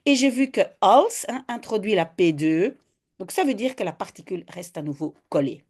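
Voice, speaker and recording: A woman's voice: medium pitch, expressive, moderate pace, darkish tone, slightly rough. A woman from Belgium, patiently teaching Dutch step by step in an online lesson and often adding "hein".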